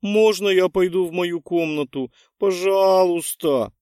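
A man's voice: on the high side, expressive, takes it slowly, darkish tone, no room sound, studio quality, pitched above the performer's own voice. A man voicing a young female witch student who pleads theatrically and with feigned innocence. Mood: pleading.

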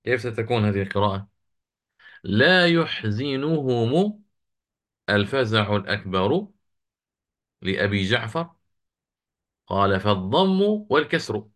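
A man teaching a lesson on Quranic recitation, answering students' questions and slowly chanting the verses he quotes. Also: fairly low pitch, lively intonation, a bit bright.

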